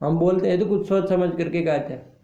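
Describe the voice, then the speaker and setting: High-voiced man quizzing grammar students. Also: fairly even intonation, brisk, gravelly, dark tone, roomy sound, dull audio. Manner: questioning, scolding, insists on full answers. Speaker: Sanskrit grammar teacher. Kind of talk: classroom grammar lesson.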